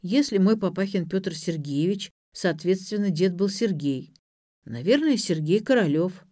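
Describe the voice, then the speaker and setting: A woman voicing a blunt, rude young woman with loud, rough colloquial speech in an audiobook. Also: fairly low pitch, expressive, measured pace, no echo, studio quality. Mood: brash.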